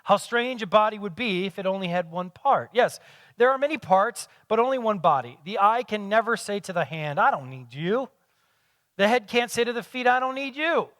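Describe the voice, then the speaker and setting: A man's voice: high voice, animated, normal speed, fairly bright tone, dry recording. A pastor in his forties giving a conversational sermon with self-deprecating humor. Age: 40s.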